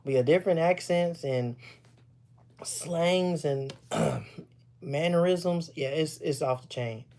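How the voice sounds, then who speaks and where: A man from Texas chatting casually with viewers. He is short of breath, rambles loosely, often clears his throat, and pauses to catch his breath. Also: a little high, a little mellow. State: short of breath, stops for air. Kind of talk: casual chat.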